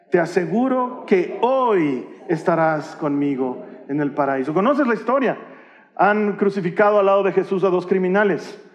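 A male pastor, preaching a sermon with animated delivery and humorous acted-out Bible scenes. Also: high voice, long reverb tail, lo-fi sound.

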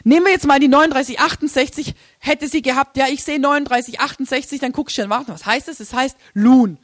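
A woman's voice: sits high, fast, no echo. A woman giving an informal church workshop from slides, chatty and casual, often laughing and restarting her sentences. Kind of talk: casual teaching talk with slides.

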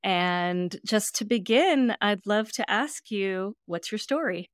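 A woman's voice: mid-range voice, lively intonation, slow, dry recording, studio quality. A woman hosting a podcast, speaking in an encouraging way with light laughs. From United States. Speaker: podcast host. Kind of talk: podcast interview.

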